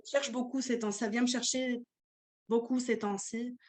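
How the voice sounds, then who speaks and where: Woman poet on a panel, pretty high voice, lots of euh and restarts. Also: fairly even intonation, moderate pace. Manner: hesitant, many fillers. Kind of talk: online panel discussion.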